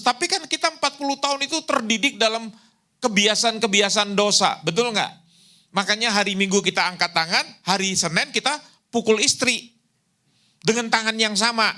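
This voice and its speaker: A male pastor preaching a sermon, telling lively stories and acting out the people in them. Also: high-pitched. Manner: animated storytelling preacher, acts out quoted voices. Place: church hall.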